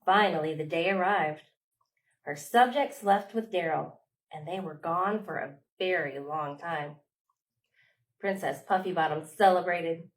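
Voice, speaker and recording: A woman leads a children's storytime the way a librarian might, reading with expression and dramatic pauses in a lowish voice. The audio quality is poor.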